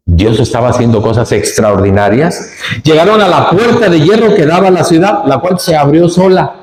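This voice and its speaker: A man's voice: fairly high pitch, darkish tone. A man with a Northern Mexican accent preaching a sermon, acting out the characters' lines and asking the congregation frequent rhetorical questions. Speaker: pastor. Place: church sanctuary. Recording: echoey church hall.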